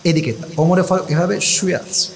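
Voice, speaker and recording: A male preacher from Rajshahi with a Rajshahi Bengali accent, telling a story in a dramatic sermon style, shouting the quotes and then dropping to a soft voice. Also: high-pitched, fairly even intonation, moderate pace. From Rajshahi, Bangladesh. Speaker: Islamic preacher. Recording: echoey, faint background noise.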